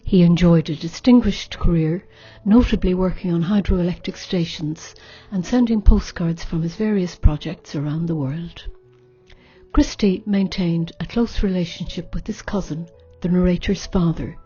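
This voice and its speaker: A woman's voice: fairly low pitch, warm tone, breathy edge. A woman reading a scripted story summary as narration. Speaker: reader, writing group member. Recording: slightly dull sound, faint music.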